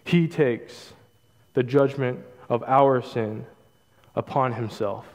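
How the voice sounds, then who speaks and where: A young man preaching a sermon as pastor, in a measured, earnest delivery with emphatic repetition. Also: mid-range voice, a little mellow. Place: church stage, large hall. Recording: hall reverb, dull lo-fi sound.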